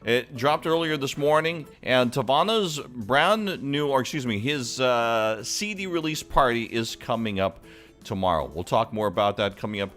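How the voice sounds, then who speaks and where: A man's voice: medium pitch, expressive, normal speed, fairly bright tone, faint music behind. A man hosting a live-stream chat show, chatty and upbeat as he greets viewers. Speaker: host.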